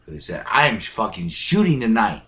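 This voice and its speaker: A man's voice: fairly low pitch, sing-song, a little fast, sharp tone. A man ranting bluntly to his viewers, swearing heavily and hammering his points with emphatic bursts. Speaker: vlogger. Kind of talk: profane ranting monologue.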